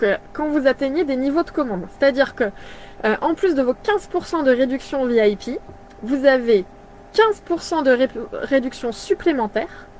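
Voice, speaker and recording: A woman in her thirties chatting casually on a live video, pausing often with fillers and restarting her sentences. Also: sits high, a little hiss or hum. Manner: hesitant, many fillers and restarts. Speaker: brand partner presenting products.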